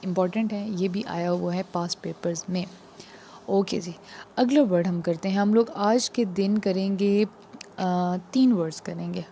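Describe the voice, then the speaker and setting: Brief: female tutor, mellow and patient, slows down on key words, faint noise behind. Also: mid-range voice. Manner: patient, repeats "ठीक है" often. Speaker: exam prep teacher. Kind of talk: casual explanatory lesson.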